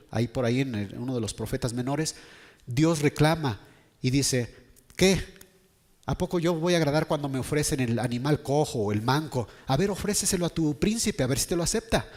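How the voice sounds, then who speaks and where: Emphatic preacher in a reverberant hall. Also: male voice, medium pitch. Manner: emphatic preaching, rising to loud bursts, rhetorical questions. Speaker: pastor. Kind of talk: Sunday sermon. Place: church hall. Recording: long church reverb.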